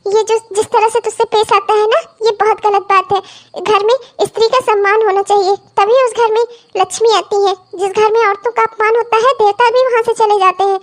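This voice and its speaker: A woman's voice: very high voice, steady tone, brisk. A woman voicing a kindly elderly mother-in-law in a cartoon comedy, affectionate but firm and given to moralizing. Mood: sad, earnest. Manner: affectionate, scolding, sermonizing.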